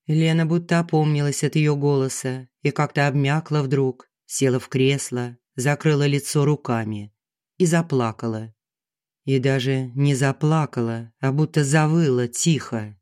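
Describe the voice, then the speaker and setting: A narrator reading a story aloud in steady audiobook narration. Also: medium pitch, unhurried, no room sound, studio quality.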